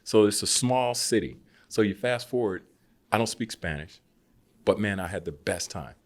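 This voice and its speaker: A low-pitched American man in his fifties spins a tale as a podcast guest. He talks loosely and easily, jumping way up in pitch whenever he acts out what someone said. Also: moderate pace. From United States. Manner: lively storyteller who acts out quoted people with big jumps in pitch. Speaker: guest, former pro basketball player. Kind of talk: casual storytelling chat.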